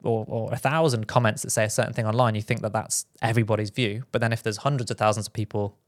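A British man co-hosting a running podcast in casual chat, quick and full of restarts. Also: fairly low pitch, little pitch movement, no room sound, clean studio sound. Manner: quick, with frequent restarts and fillers. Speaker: podcast co-host.

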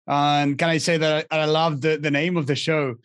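A man's voice: on the high side, flat delivery, normal speed, clear, resonant tone, no echo, studio quality. A young man from Argentina, a guest in a casual interview, speaking with many restarts and fillers. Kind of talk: casual interview over a call.

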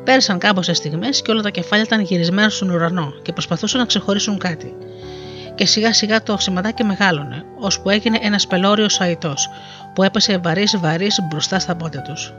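With lively energy, a medium-pitched storyteller reads a fairy tale aloud. Faint music plays behind the voice on a dull, lo-fi recording.

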